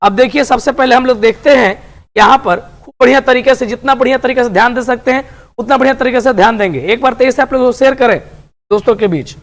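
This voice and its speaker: Speaking fast in a very high-pitched voice, a man gives an online video lesson on Hindi grammar. He coaxes his learners, whom he calls friends and dear, and tacks a question onto almost every sentence.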